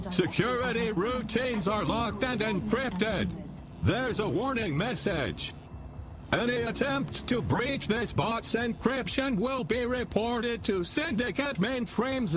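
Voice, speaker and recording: A woman's voice: fairly high pitch, noisy background. A woman voicing an eager, naive little male robot in a video game, with stilted, literal, earnest phrasing. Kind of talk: video game character acting.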